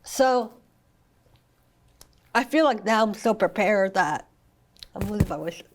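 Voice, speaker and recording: A woman's voice: medium pitch, lively intonation, slow pace. A young woman, a mother speaking earnestly in a podcast interview, full of "I mean" and "you know", recovering from an illness. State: recovering from illness, occasional cough. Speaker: guest, mother of a child with a rare condition.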